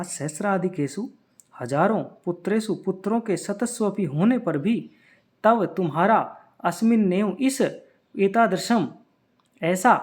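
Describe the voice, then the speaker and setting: A man's voice: sits high, a little mellow. Man explaining a lesson word by word. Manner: reads a phrase, then explains its meaning word by word. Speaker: teacher.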